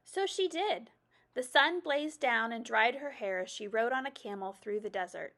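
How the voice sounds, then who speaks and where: A woman reads a children's picture book aloud in an expressive storytelling style. Her pitch is fairly high and she reads at normal speed.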